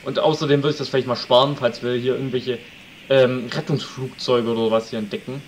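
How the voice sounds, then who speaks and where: A medium-pitched man with fairly even intonation talks a little fast while playing a survival game. He's a let's play commentator, chatty and jokey, speaking to his audience and shouting at wolves. The audio is poor, carrying a little hiss or hum.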